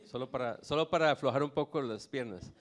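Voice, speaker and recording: Here is a man born in Nicaragua giving his testimony to a church audience. His voice sits at an ordinary middle pitch, and he tells his story with easy, lightly humorous anecdotes. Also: a little fast.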